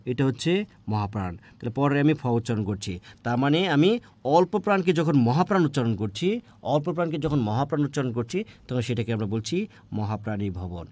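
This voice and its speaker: A man's voice: mid-range voice, animated, a little fast. A man teaching a grammar lesson, quizzing his students with questions he answers himself, with a Bangladeshi Bengali accent. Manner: fillers and restarts, drops softer when thinking. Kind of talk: exam prep lecture.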